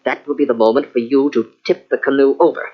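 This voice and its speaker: Young male fortune hunter, played by a man, coaxing and calculating, rapid husky delivery, old radio thriller. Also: medium pitch, steady tone, lightly acted. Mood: coaxing, scheming. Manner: persuasive, coaxing endearments. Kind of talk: 1940s radio acting. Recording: dull, lo-fi old radio cassette.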